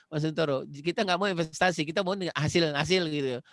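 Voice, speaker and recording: A man from Indonesia gives a conversational parenting lecture over a video call, earnestly repeating phrases and addressing his listener directly. His voice is on the high side, fairly bright, and quick.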